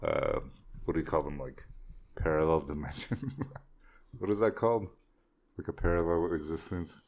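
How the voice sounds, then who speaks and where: A man with a very deep voice banters through a quiz podcast. He thinks aloud, jokes crudely, and laughs easily. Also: moderate pace, darkish tone. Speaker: podcast co-host and quiz contestant. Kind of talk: casual podcast chat.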